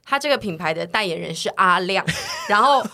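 A woman with a Taiwanese accent chats casually in a medium-pitched voice. She co-hosts in a teasing, informal manner. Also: animated, a little fast, creaky, pushed and bright. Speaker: podcast co-host. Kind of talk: casual chat.

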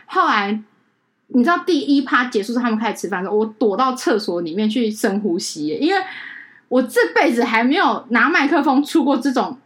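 A woman's voice: on the high side, brisk. A young woman, a podcast co-host and wedding emcee, telling a story in casual chat and acting out the people she quotes. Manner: animated, acts out quoted people.

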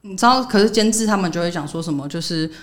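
Fast-talking woman telling stories. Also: fairly low pitch. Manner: animated storytelling, acting out quoted dialogue. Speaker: podcast co-host. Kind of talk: casual chat, venting anecdote.

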